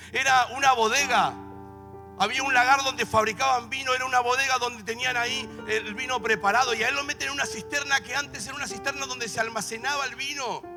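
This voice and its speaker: High-voiced Argentine pastor preaching over music. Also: male voice. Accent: Rioplatense Spanish. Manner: swings from soft storytelling to shouted exhortation. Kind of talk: sermon. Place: church. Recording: live church service with music underneath. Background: worship music.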